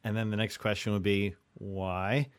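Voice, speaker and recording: Smooth, low-voiced man with wry humor. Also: flat delivery. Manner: dry wry humor, thoughtful and measured. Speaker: podcast co-host, community theater director. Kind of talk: casual chat.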